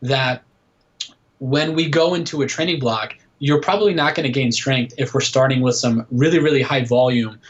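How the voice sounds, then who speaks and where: A man in his early thirties talks through training details as a guest coach, pausing often with fillers. His voice sits at an ordinary pitch. The recording sounds dull and muffled. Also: husky. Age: 30s. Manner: explanatory, lots of "uh" and "um". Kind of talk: casual podcast interview.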